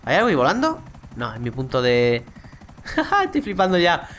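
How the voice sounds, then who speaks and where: A man's voice: a little high, normal speed, a little hiss or hum. Chatty Spanish-accented man playing a game. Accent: Spain Spanish. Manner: chatty, excitable, swears casually, talks to viewers. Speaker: gaming YouTuber. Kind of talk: let's play commentary.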